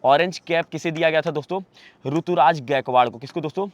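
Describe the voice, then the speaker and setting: Guy quizzing students live, kinda high voice, dry close mic, keeps repeating answers. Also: no room sound, lo-fi sound. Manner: asks quick questions, repeats answers, addresses viewers as friends; reads English questions slowly, then translates them. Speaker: exam prep teacher. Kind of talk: live quiz class.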